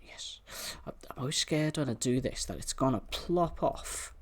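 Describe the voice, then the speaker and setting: A man's voice: medium pitch, expressive, normal speed, in a whisper. A man giving casual let's-play commentary, chattily explaining each move as he plays. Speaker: gaming YouTuber.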